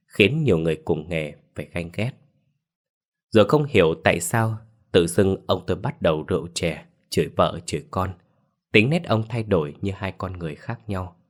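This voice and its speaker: A deep-voiced man narrates a scripted ghost story. He tells it in a steady, measured way, with a low pitch.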